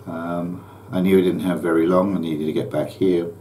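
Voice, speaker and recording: An older man with a low, warm, mellow voice chats easily to the camera. He rambles a little with ums and uhs as he catches viewers up on his flying. There is a faint hiss behind him. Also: moderate pace. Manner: relaxed and chatty, with many ums and uhs. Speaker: private pilot vlogger. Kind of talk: casual vlog chat.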